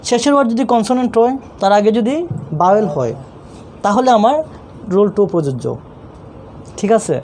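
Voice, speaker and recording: A man's voice: high-pitched, sing-song, a little fast, pauses often, a little mellow, slight background noise. A man with a Bangladeshi Bengali accent teaching English grammar rules, patiently asking questions and answering them himself. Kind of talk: online classroom lesson.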